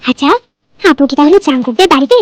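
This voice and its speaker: A woman's voice: sits high, expressive, fast, no echo. Woman voicing a panicky flustered younger sister. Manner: panicky, whiny.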